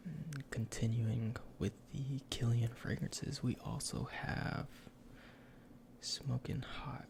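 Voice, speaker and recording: A man in a whispered role-play as a salesman, speaking in a breathy, gravelly whisper with informal, hesitant explanations. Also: medium pitch, slow, background noise. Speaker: ASMR performer playing a cologne salesman.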